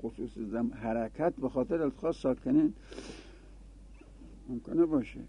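A male Arabic grammar teacher with a mid-range, slightly rough voice explains rules in a classroom and repeats example forms out loud. It is captured in a dry recording with a tinny, phone-like quality.

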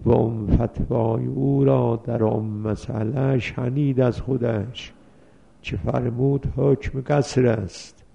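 In a seminary lesson on religious law, a man reads out Arabic passages and explains each with worked examples. His mid-range voice is creaky and warm, captured in a dull lo-fi recording.

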